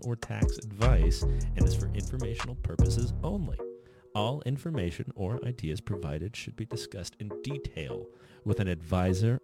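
A man reading a podcast's legal disclaimer aloud, briskly, with wry asides. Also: lowish voice. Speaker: podcast co-host. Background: loud background music.

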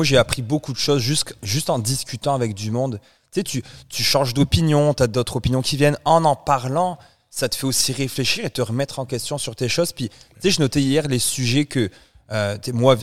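A man in his thirties, born in France, chats as a podcast co-host. His voice sits at an ordinary middle pitch, and he rambles, restarts sentences and drifts from one thought to the next. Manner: chatty, rambling, frequent restarts. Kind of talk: casual chat.

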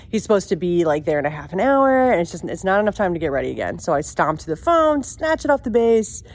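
Young woman, lowish voice, casual profane storytelling, animated and self-mocking.

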